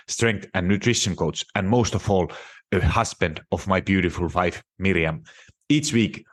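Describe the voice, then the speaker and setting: A man reading the scripted intro of his fitness podcast in an upbeat, announcer-like way. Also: low-pitched. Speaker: podcast host.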